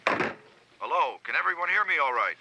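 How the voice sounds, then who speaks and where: A man's voice: a little high, very animated, moderate pace, vocal fry, background noise. An actor playing an irritable, commanding police commissioner whose voice comes over a speakerphone, and who keeps breaking off to bark orders at his driver. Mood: stern. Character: irritable male police commissioner, middle-aged, bossy. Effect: heard over a speakerphone. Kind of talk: sitcom acting.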